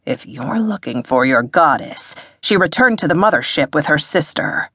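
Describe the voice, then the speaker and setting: A woman voicing a fierce male cat shifter who growls slow, deliberate warnings in a husky voice. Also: deep voice, lively intonation, a bit bright, no room sound, studio quality, heavily acted. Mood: contemptuous.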